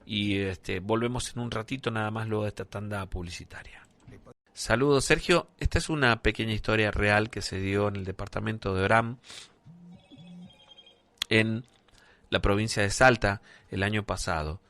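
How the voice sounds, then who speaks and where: A man with an Argentine accent hosting a radio show, chatting in a relaxed way and reading out listener messages. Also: on the low side, moderate pace, dry recording. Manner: relaxed, conversational, with fillers. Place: radio studio.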